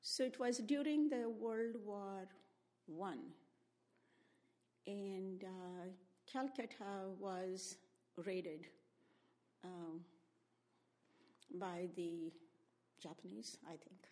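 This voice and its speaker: Older Indian-accented woman, oral history interviewee, unhurried reflective delivery. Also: medium pitch, mellow. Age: 70s. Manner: reflective, spells out names letter by letter. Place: public library room.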